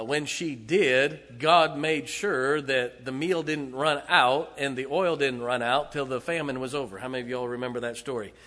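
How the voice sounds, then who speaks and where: A man preaching a sermon as pastor, emphatic and full of rhetorical questions to the congregation, his volume swinging between loud and soft. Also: a little high. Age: 40s. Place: church sanctuary. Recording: long hall reverb.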